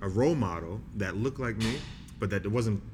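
A young man from New Jersey with Bahamian family, a doctor in training, answering interview questions in a measured, explanatory way with filler words. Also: on the low side. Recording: noisy recording.

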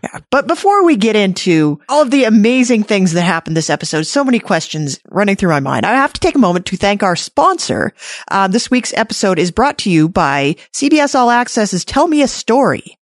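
A woman's voice: mid-range voice, sing-song, a little fast, dry recording, studio quality. A woman hosting a casual recap podcast, chatty and playful, often restarting her sentences. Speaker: podcast host.

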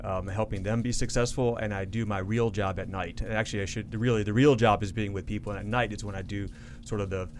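Earnest talkative man, lowish voice. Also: steady tone, fast talker, slight background noise. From Florida, United States. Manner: earnest, talkative, self-correcting. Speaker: guest, association CEO. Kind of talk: radio interview.

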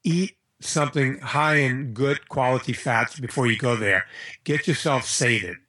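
A man's voice: medium pitch, a little slow, sharp tone. An American man talking casually and bluntly as an interview guest, handing out informal advice.

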